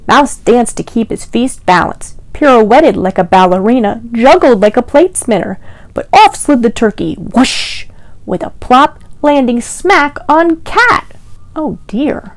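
A woman librarian reading a picture book aloud to young children in a sing-song, animated way, stopping to ask them questions. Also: on the high side, unhurried, no room sound. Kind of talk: storytime read-aloud.

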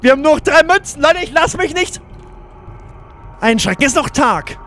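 A man with a hoarse voice giving let's play commentary to viewers, excitable, yelping and shouting when chased. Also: very high-pitched, normal speed, slight background noise. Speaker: gaming video creator.

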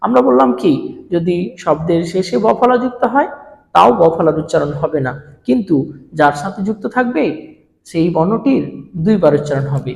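A man's voice: high-pitched, expressive, moderate pace, vocal fry. A man teaching a grammar lesson to students. He asks questions and answers them himself. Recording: echoey room with long reverb.

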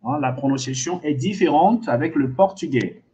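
A man teaching a live online language lesson, drilling words through slow repetition, switching between two languages and chuckling often. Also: a little high, expressive, mellow. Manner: switches between French and Portuguese. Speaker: French teacher.

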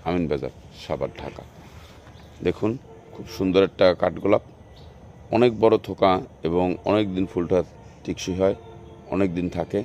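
His voice sits low and sounds mellow, with a little hiss or hum in the recording. The man, speaking with a Bangladeshi Bengali accent, hosts a casual walkthrough of an outdoor nursery, repetitively pitching the plants as he points to them.

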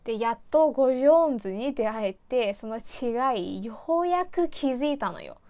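A woman's voice: on the high side, animated, unhurried, a little mellow, lo-fi sound. Chatty Chinese woman vlogger speaking Japanese. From China. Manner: chatty, self-deprecating, frequent fillers. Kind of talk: casual chat about learning Japanese.

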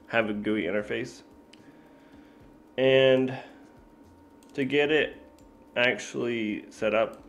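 A man's voice: on the low side, a little hiss or hum. A man giving a casual screen-recorded coding tutorial, laid-back and thinking aloud with lots of fillers and self-corrections. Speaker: programming tutor.

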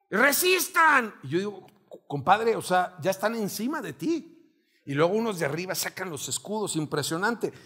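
A middle-aged pastor with a Mexican accent and a high voice preaches a sermon. He tells a story with animated energy, acting out shouted commands.

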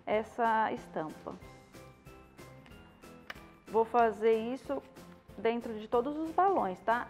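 Woman, Brazilian accent, fairly high voice, informal tutorial instructor, checking tag questions, music playing behind. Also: a little mellow. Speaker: balloon decoration instructor. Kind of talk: hands-on tutorial demonstration. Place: indoor studio with balloon wall. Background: clear background music.

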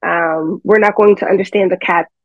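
A young woman organizer speaking unscripted on a webinar from home, halting with many fillers and restarts. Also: on the low side, fairly even intonation, no room sound. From United States. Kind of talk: unscripted panel remarks. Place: home, seated by a staircase. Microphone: phone or laptop on a video call. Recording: dull lo-fi call audio.

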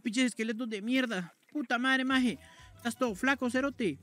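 A crude Guatemalan man , as a streamer puts him on, spits out a stream of slangy curses in a put-on Guatemalan accent. The voice sits noticeably high and loud. Faint game music plays underneath. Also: moderate pace. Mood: mocking. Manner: swears constantly, loud slangy banter.

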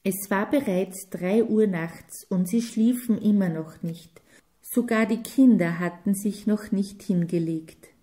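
Woman reading an audiobook, slow and mellow, even. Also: medium pitch. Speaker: audiobook narrator. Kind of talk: scripted narration.

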